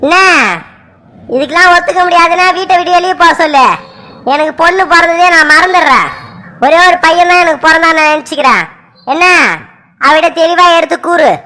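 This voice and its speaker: A woman playing a stern middle-aged father who barks gruff, bossy orders in an amateur family drama. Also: very high voice, steady tone, brisk, long pauses, pushed and bright. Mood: commanding.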